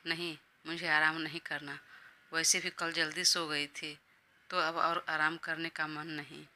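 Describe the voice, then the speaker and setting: Woman doing a quiet young wife, soft short answers, slow pace, audio story. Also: low voice, level tone, heavily acted. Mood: shy. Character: shy young wife, college student.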